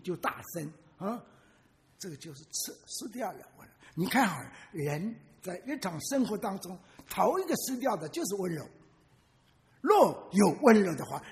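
A man's voice: sits high, creaky, long reverb tail. A man in his eighties, a pastor, preaching a sermon in a church and often putting questions to his listeners. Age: 80s. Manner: animated storyteller who asks the congregation questions.

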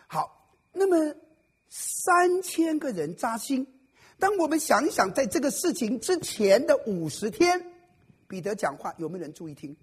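Husky, lively joking preacher, male. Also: extremely high pitch, moderate pace. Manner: playful, jokes and quizzes the audience. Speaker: pastor. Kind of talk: lively preaching sermon to a live congregation. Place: church service before a congregation.

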